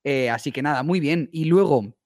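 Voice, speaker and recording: Lively Spanish man telling travel stories. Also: on the high side, normal speed, dry recording. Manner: animated storyteller, laughs often, swears casually. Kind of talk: casual chat. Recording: dry.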